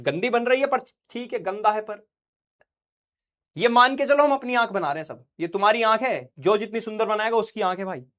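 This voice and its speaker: A man's voice: sits high, a bit bright. A young man teaching a science class online, playful and joking, acting out little scenes for his students while feeling unwell.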